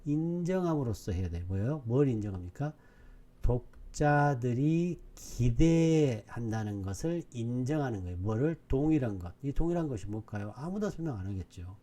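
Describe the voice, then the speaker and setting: A man's voice: medium pitch, lively intonation, normal speed, mellow. A male teacher giving an online exam-prep English lecture, repeatedly asking his students questions and answering them himself. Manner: repetitive, drilling questions to students.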